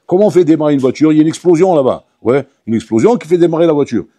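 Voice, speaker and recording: A rabbi teaches a Torah class to his students, speaking to them directly and acting out short exchanges. His voice sits a little high for a man but sounds dark and husky. The recording is dry, with no room around it. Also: very fast, dry recording. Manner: lively, acts out little dialogues and addresses students directly. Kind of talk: animated Torah lesson. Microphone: audio recording of a class.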